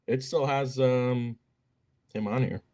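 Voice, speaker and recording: A young man co-hosts a casual sports podcast at an ordinary middle pitch. He jokes around, trails off and fills gaps with ums as he argues his picks. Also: steady tone, darkish tone. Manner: joking, drawn-out, lots of ums. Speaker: podcast co-host.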